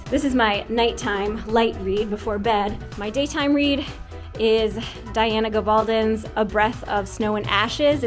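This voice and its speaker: A woman hosting a personal vlog, talking in a casual, chatty way. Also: on the high side. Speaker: vlog host.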